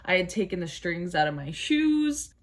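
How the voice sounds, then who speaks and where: A young woman who sounds sick, telling a profane, animated storytime vlog. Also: lowish voice, normal speed. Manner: animated, profane, dramatic retelling. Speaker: vlogger.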